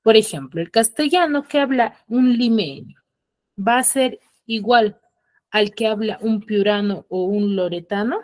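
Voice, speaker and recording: A woman teacher from the highlands, giving an online class and checking in with her students through frequent tag questions. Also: unhurried, a little mellow. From Peruvian highlands.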